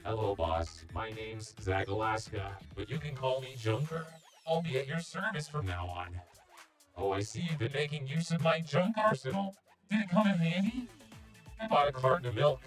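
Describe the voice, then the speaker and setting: A man's voice: mid-range voice, expressive, moderate pace, faint music behind, close to an everyday voice, rough recording. A man voicing a friendly, timid robot mecha pilot in a put-on robot voice while commenting on a game. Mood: polite robotic. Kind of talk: gameplay commentary, putting on voices.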